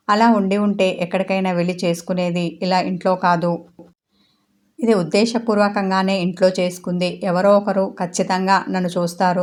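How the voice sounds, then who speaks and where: A bitter, egotistic young husband lashing out in a resentful rant, read by a woman in her low, flat narrating voice. His accusations stay on one steady, even level. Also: natural voice.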